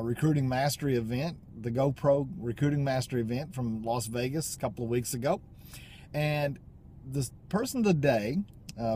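Upbeat guy in his 40s giving a pep talk from his car, warm low tone, bit of rumble behind. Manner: upbeat, pep-talk delivery with frequent fillers. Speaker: vlogger. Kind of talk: motivational talk to camera. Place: inside a parked car. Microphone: camera mounted on the dashboard.

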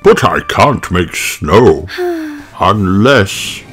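Man doing a jolly, drawn-out old Santa Claus. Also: on the low side, wildly swooping pitch, fairly bright tone, breathy edge, faint music behind, full character voice. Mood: thoughtful. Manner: hearty, deliberate, drawn-out delivery.

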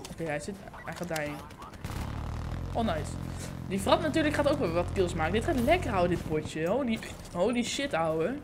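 An excitable man calls out a shooter game, swearing and shouting, his voice cracking from the hiccups. He talks fairly high and swings his pitch up and down a lot. Game gunfire rattles clearly behind him. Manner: excitable, swearing, quick exclamations. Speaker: gaming YouTuber. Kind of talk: live gameplay commentary. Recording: game gunfire noise in background.

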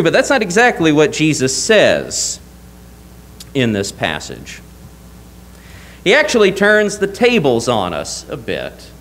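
Preaching from a church pulpit, a young man speaks earnestly and emphatically in a medium-pitched voice, often asking rhetorical questions. A lectern mic with a wide camera captures him, and the recording is rough.

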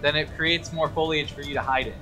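A man with a high, bright and sharp voice, cracking jokes and mock-epic lines while gaming. Faint game music sits behind his headset audio. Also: flat delivery, brisk. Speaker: gamer. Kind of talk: casual gaming banter.

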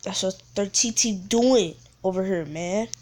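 A woman's voice: medium pitch, measured pace, darkish tone, slight background noise. A woman streaming a shooting game, giving slangy casual commentary broken up by gasps and squeals.

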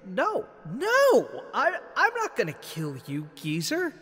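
Man doing a cocky young male hedgehog, restless, high bright voice, slow deliberate lines, long reverb. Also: huge pitch swings, breathy edge, heavily acted. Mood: alarmed. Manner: wry, restless quips that flare into exasperated outbursts. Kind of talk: fan audio drama acting.

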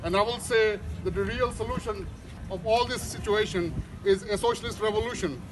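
A middle-aged man giving an emphatic political rally speech in halting, repetitive phrases with non-native English wording, recorded outdoors. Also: high voice, rough recording. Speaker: union branch activist, rally speaker. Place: outdoors on steps of a large stone building. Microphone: camera or phone a few metres away. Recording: outdoor street noise, handheld camera recording.

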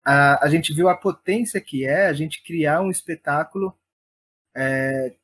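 This man speaks at a fairly high pitch and an unhurried pace, his voice a bit bright with a breathy edge. He is a playwright and theatre director from Perus, São Paulo, Brazil, with a São Paulo Brazilian accent, and in this interview he talks reflectively and a little hesitantly.

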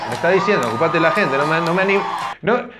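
A man's voice: fairly high pitch, expressive, racing, a loud crowd. A young man, chatting casually as he reacts to a concert clip and thinking aloud with fillers and restarts. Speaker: reaction video host. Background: music from the video.

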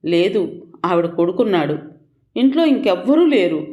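A distraught young woman, voiced by the narrator of an audio storybook, pleads in a raised, high voice. She sounds frightened and tearful throughout, pushed well above the narrator's usual pitch. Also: normal speed, darkish tone, roomy sound, muffled recording, lightly acted.

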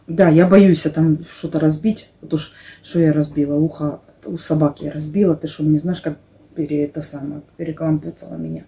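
A middle-aged woman, a vlog co-host who works as a house cleaner, chats casually with a close friend in a small wood-panelled living room, playfully telling things with little sound effects and made-up words. Her voice sits low with a steady, warm tone and vocal fry, a little fast, picked up roughly by a camera across the table.

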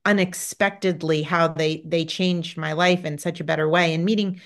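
Lower-pitched woman, chatty interview guest. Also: steady tone, normal speed. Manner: chatty and warm about animals, storytelling with many restarts. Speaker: veterinarian and author, interview guest. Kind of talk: casual interview conversation.

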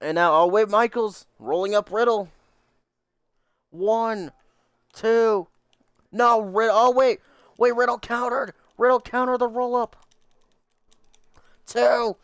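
A man calling play-by-play like a wrestling commentator, with dramatic, excitable calls and casual asides. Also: very high voice, slow, long pauses, clean tone, dry recording, clean studio sound. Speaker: video game player commentating on a wrestling match.

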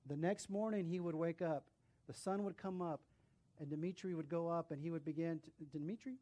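A male pastor preaching and telling a story, animated, with hushed drops at solemn moments. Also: a little high, normal speed, lo-fi sound. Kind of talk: sermon storytelling.

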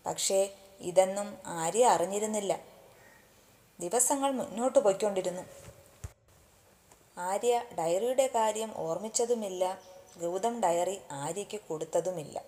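Woman storyteller, steady storybook narration, dark mellow tone, mid pitch.

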